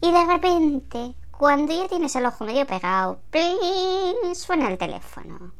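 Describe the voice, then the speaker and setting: A woman from delivers a comic monologue in a high-pitched voice. She tells it in an exasperated, expressive way. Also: normal speed.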